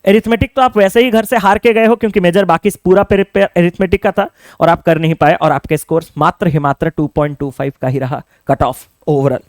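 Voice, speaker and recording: Earnest high-voiced male exam coach. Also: fairly even intonation, fairly quick, hardly any pauses, darkish tone, no room sound. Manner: earnest, urging, addresses students directly with rhetorical questions. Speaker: online exam coaching educator. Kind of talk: direct-to-camera coaching talk.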